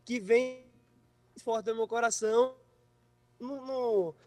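A man's voice: extremely high pitch, slow pace. Man from on breaking-up call audio. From Recife, Brazil. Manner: relaxed, rambling, repeats himself. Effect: video call audio breaking up and cutting out. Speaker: singer guest. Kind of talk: casual interview over a video call. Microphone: video call. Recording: reverberant, distant video call audio.

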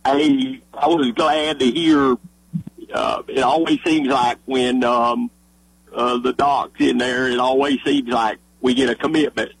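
A man's voice: mid-range voice, breathy edge, rough recording. A man calling in to a radio sports show, chatting casually and hesitantly with plenty of fillers. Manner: hesitant, relaxed, with many fillers. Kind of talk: casual call-in chat.

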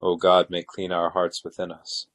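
A man with a low voice leads evening prayer. His delivery is solemn and measured, with little rise or fall as he recites the liturgy. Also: completely flat delivery, a bit bright. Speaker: officiant leading evening prayer.

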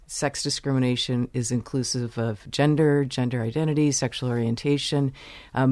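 An American university vice president answers interview questions about policy in a bass voice with a darkish tone. She's measured and explanatory, pausing to choose her words, and the recording is dry with no room sound.

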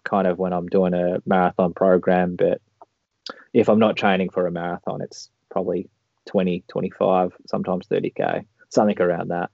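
A very deep-voiced man chats casually in a rambling, laid-back way. His tone is gravelly and fairly flat. The audio is a dull, lo-fi call. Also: normal speed, no room sound. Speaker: podcast guest, marathon runner. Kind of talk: casual interview chat.

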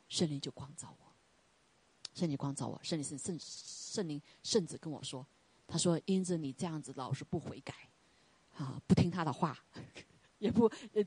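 A middle-aged woman gives a sermon as a personal story, chatty and animated, laughing often and acting out the voices she quotes. Her voice sits fairly low and has a husky, breathy edge. The recording is dry and close. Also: no room sound. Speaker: church leader. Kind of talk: testimony sermon.

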